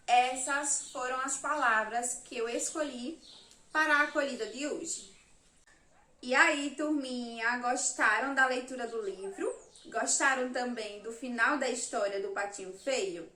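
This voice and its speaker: A woman with a Brazilian accent teaches a remote primary class in a high, bright voice. She counts letters and syllables slowly and patiently. She sounds set back from the mic in an echoey room. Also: recorded from a distance. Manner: slow, patient, counts and spells aloud. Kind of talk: remote classroom lesson, reading and spelling.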